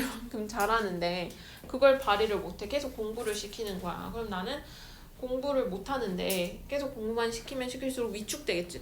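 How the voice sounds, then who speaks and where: A young woman teaches a chatty, lively lesson, slipping into quick acted-out scenes as she explains. Her voice sits a little high. The recording carries clear background noise. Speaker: Korean literature teacher. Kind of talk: classroom lecture. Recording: noisy room recording.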